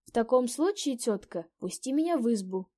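A woman reading a story aloud, voicing a young gentleman traveler who asks short, dry questions. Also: fairly high pitch, lively intonation, normal speed, pitched above the performer's own voice. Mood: curt. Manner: short, matter-of-fact questions.

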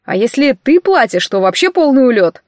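A woman's voice: high-pitched, sing-song, normal speed, no room sound, clean studio sound. A woman voicing a teasing, theatrical young man, speaking in a playful, mock-offended way.

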